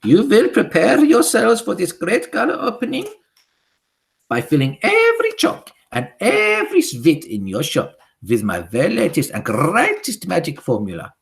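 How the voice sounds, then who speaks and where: An audiobook reader voices a tiny, furious witch leader who screeches orders in odd, foreign-sounding grammar, her mood commanding. The voice is mid-range but pushed up, swooping wildly in pitch at a moderate pace with vocal fry.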